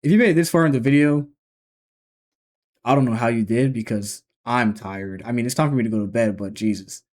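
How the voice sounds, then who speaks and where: A man in his twenties hosts a reaction video, giving casual commentary as he thinks aloud and restarts his sentences. His voice is mid-range and a little mellow, and he talks a little fast.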